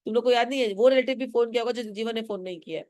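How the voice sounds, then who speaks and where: Speaking very fast in a voice on the high side with a darkish tone, a woman teacher walks her students through a play line by line. She switches between Hindi and English, acts out lines, and asks them questions. The studio-quality audio has no echo.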